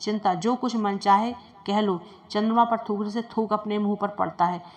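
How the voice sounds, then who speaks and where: A woman's voice: mid-range voice, fairly even intonation, moderate pace, natural voice. A woman voicing a boastful, scheming middle-aged male priest in a read-aloud story. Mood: gloating.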